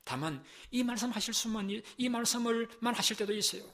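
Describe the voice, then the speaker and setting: Expressive and fairly quick, a male pastor preaches a Sunday sermon full of emphasis and repetition. His voice rises to loud, stressed phrases and drops to soft, low ones as he throws rhetorical questions at the congregation.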